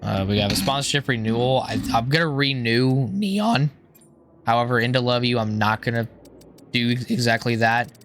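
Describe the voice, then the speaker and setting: A man with a hoarse, strained voice giving casual, rambling gameplay commentary, thinking aloud in an informal way. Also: medium pitch, moderate pace, a bit bright, a little hiss or hum. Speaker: gaming YouTuber.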